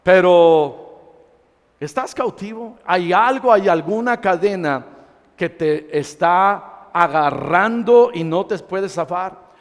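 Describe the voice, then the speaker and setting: A man's voice: high voice, animated, slow pace, big-room sound. A man preaching a sermon as pastor, acting out short dialogues with dramatic shifts.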